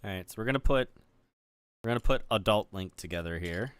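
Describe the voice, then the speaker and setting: A man's voice: fairly low pitch, a little fast, fairly bright tone, clear, resonant tone, no room sound. A man streaming, chatting casually with viewers while he builds. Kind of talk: casual live-stream chat.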